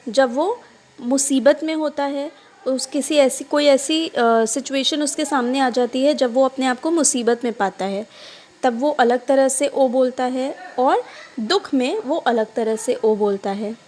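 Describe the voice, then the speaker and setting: A woman teacher reading an English story aloud slowly to children, then explaining each line in Hindi and checking that they follow. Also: high voice, a little mellow.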